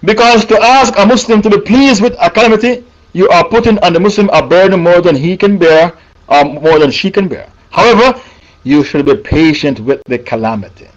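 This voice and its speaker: A man delivers a sermon in a high voice, stressing and repeating his key points. The recording is dull and lo-fi. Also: a little fast. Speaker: preacher.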